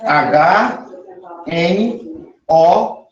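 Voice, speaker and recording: A man's voice: fairly high pitch, extremely slow, lo-fi sound. A man teaching chemistry, drawing out words and often checking that his listeners follow. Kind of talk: recorded classroom lesson. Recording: echoey room.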